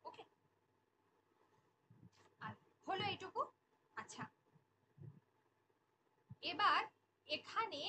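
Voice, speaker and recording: A woman teaches an online exam-prep class in a very high voice. She repeats each key definition and keeps asking the class questions. Clear background noise hisses under the whole recording. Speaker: Bengali teacher.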